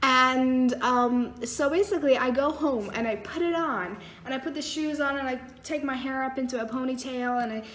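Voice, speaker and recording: A young woman tells a story in a casual vlog, blunt and animated, swearing freely. Her voice sits high. The room around her adds a noticeable echo. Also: moderate pace, few pauses. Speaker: vlogger. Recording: echoey room.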